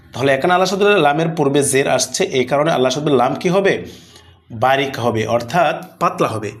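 A man from Bangladesh teaches the rules of Quran recitation in a slightly high voice. He recites slowly, stretching out the words, then explains the rules, asking questions and answering them himself.

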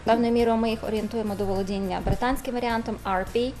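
Quick, formal woman lecturer. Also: a little high, steady tone, over music. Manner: measured, formal, with hesitations. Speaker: language lecturer. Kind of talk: studio interview.

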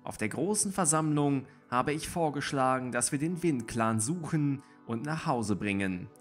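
A man voicing a serious, commanding she-cat clan leader who speaks gravely in a storybook reading. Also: medium pitch, lively intonation, faint music behind, close to an everyday voice. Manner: grave, measured.

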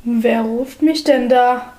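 A man voicing a puzzled human being who hears a voice calling, speaking in a high, wondering tone. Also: fairly even intonation, slow pace, mellow. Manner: wondering, questioning.

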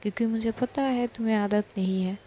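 A woman's voice: on the high side, fairly even intonation, fairly quick, mellow, slight background noise, lightly acted. Woman voicing a worried, protective mother. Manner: worried, scolding. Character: protective middle-aged mother.

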